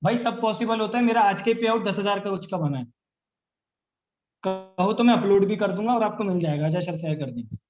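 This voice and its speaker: A man's voice: high-pitched, a little fast, echoey room, lo-fi sound, music in the background. A young man leading a live online sales training, talking with energy and coaching his listeners by acting out sample chats.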